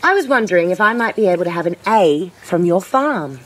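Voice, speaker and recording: A woman voicing an anxious little male duck, with a high, eager, quacking way of speaking. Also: expressive, fairly quick, low-quality recording. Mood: worried.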